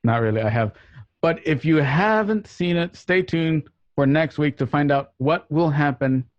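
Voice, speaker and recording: Over a remote group call from home, a man hosting an online radio play show signs off to his listeners in a casual, jokey, rambling way. His voice is a little high at a normal speed, and the lo-fi recording has no echo.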